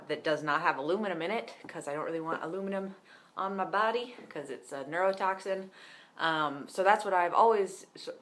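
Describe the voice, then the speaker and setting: A young male vlogger with a slightly high, sharp-toned voice that cracks now and then rambles through a casual video diary update at home. He fills it with lots of "um" and "like."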